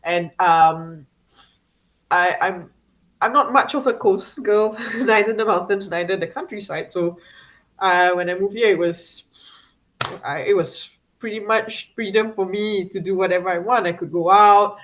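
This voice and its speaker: A woman's voice: medium pitch, measured pace, fairly bright tone, low-quality recording. A woman talks as an interview guest in a loose, chatty way. She restarts sentences, stacks fillers and laughs often. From Singapore. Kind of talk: casual interview chat.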